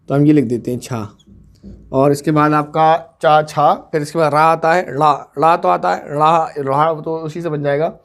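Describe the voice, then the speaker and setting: A man teaching an online Urdu script lesson, patiently repeating each word slowly as he writes it out. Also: on the high side.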